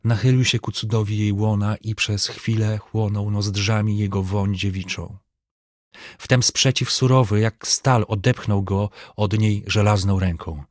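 A man narrates an audiobook in a measured, literary way. His voice is fairly low. The recording is dry and close, with no room sound. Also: steady tone, a little mellow, dry recording.

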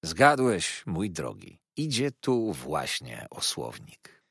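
A man's voice: on the low side, sing-song, unhurried, fairly bright tone, breathy edge, dry recording, clean studio sound, full character voice. A man reading the lines of a kindly elderly male scholar who speaks to his former pupil in a fond, coaxing way. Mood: triumphant. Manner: fond, coaxing old teacher's talk.

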